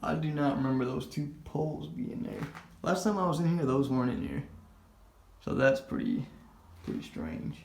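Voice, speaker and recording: A man's voice: a little high, moderate pace, vocal fry. A man giving a casual, hesitant walk-through narration as a vlogger, thinking aloud inside a small concrete underground space. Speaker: vlogger showing a place. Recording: echoey underground room, noticeable background noise.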